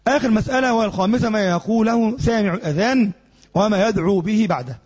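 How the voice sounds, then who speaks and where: A man's voice: sits high, fast, a little mellow, husky, highs cut off. A man with an Egyptian accent teaching a classroom lesson as a sheikh, explaining points and asking the class rhetorical questions. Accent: Egyptian Arabic. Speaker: sheikh teaching Islamic jurisprudence.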